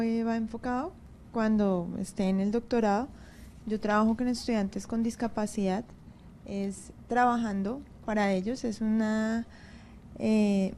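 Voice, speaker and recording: Woman talking about her drawing, monotone and soft, bit of hum. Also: medium pitch. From Colombia. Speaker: doctoral student. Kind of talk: presenting a drawing to class.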